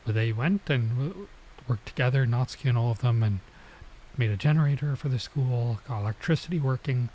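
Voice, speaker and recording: In a rough recording with slight background noise, a male streamer plays through a visual novel, reading lines aloud and chatting about them. Foreign words make him slow and hesitant. His voice is medium-pitched and mellow.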